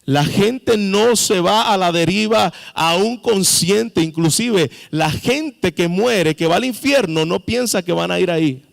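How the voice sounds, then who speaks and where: Slow, high-voiced preaching pastor. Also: male voice, vocal fry. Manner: preaching, with sudden emphatic rises and questions to the congregation. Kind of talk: sermon. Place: church sanctuary. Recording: long reverb of a church hall.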